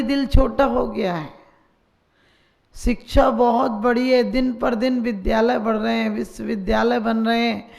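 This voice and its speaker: A woman's voice: on the high side, vocal fry. A woman, a Jain nun, giving a sermon full of rhetorical questions and closing blessings.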